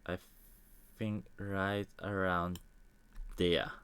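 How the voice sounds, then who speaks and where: A Danish man, Danish his first language, thinks aloud in halting, slightly ungrammatical English while editing a photo on a live stream. His voice is low-pitched, level, smooth and fairly bright, captured on a desk microphone.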